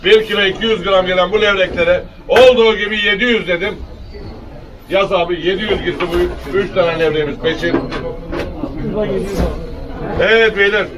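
Male fish auctioneer, high voice, repetitive price calling, recorded at a distance. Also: fairly even intonation, normal speed, pauses often. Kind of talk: auctioneer calling lots and bids. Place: busy fish auction hall. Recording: distant mic amid crowd chatter. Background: crowd of buyers.

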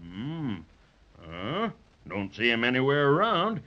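A man's voice: medium pitch, huge pitch swings, takes it slowly. A man playing a genial, patient old Santa with a hesitant, kindly manner in 1930s radio style. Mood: curious. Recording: muffled lo-fi 1930s radio recording.

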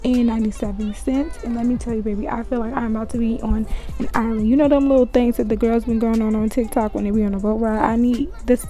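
A young woman, chatting excitedly to her viewers as she shows off her clothing haul. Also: a little high, poor audio. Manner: chatty, hyped, talks straight to viewers. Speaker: fashion vlogger. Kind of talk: casual haul vlog.

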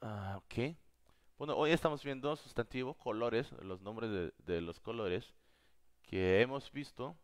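Native Korean man, language teacher, live class, slow and patient, smooth dry close-mic sound. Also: medium pitch, dry recording. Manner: slow, patient explaining, repeating words several times.

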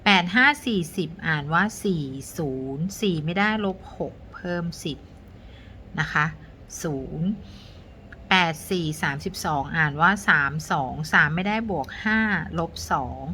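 A middle-aged woman teaching a math lesson to young pupils, counting each step aloud in a patient, polite way. Her voice sits a little low yet sounds bright and forceful. A faint steady hiss runs under the recording. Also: unhurried.

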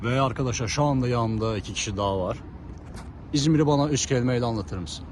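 A man with a medium-pitched voice hosts casual street interviews. He repeats answers back, with clear traffic noise around him outdoors. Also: fast, a little mellow. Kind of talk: casual vox-pop presenting.

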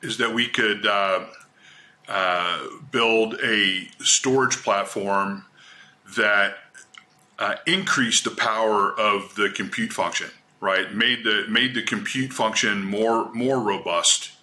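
A middle-aged man speaks from his home office over a webcam on a video call, his voice fairly low but strikingly bright. He talks in a measured, hesitant way, filling pauses with frequent "uh"s. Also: fairly even intonation. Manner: measured, hesitant with many fillers. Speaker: panelist from a cloud provider.

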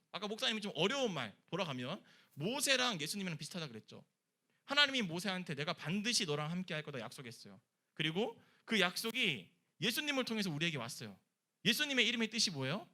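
A middle-aged man preaching a sermon to teenagers as youth pastor, often asking the listeners questions. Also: high-pitched. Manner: lively, addresses listeners with questions. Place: church worship hall.

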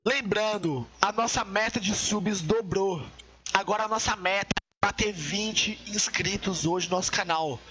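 A man's voice: high voice, measured pace, bright, forceful tone, husky, highs cut off. A Brazilian man hosting a live rap battle stream, teasing and hyping with playful banter. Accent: Brazilian Portuguese. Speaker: battle host.

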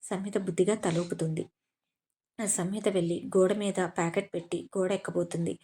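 A woman storyteller giving a steady, scripted narration of an audio drama story. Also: fairly low pitch, moderate pace.

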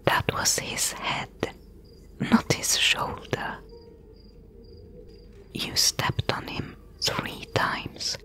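Woman playing a wry lady thief bossing a newbie, whispered role-play, slow n breathy, bright hiss to it. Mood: amused, recounting. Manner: hushed, unhurried, instructing. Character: female rogue thief, wry, bossy mentor to a newbie.

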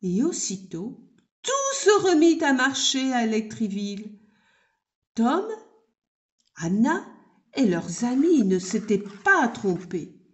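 Slow, gentle woman reading a story. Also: a little high, very animated. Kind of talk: reading a children's story aloud.

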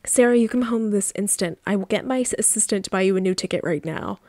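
A bossy, controlling rich mother gives curt commands in a quick, brisk voice, read out by a woman streaming a game. The pitch stays middling and the sound is dry and close. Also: a little mellow, dry recording, natural voice. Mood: stern.

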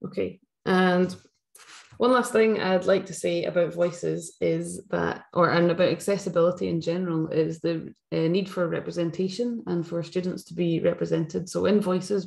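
A middle-aged Scottish woman with a fairly low, gravelly, somewhat dark voice runs a live teaching webinar over a webcam video call. She walks through the activities in a friendly manner, using lots of filler words.

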